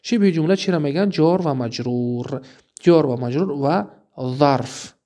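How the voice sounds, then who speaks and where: A man with a Tajik-inflected Persian accent teaching Arabic grammar from a textbook, reading examples slowly and then explaining them quickly, often asking the listener questions. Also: a little high, dark tone. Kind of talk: recorded lesson explaining a textbook.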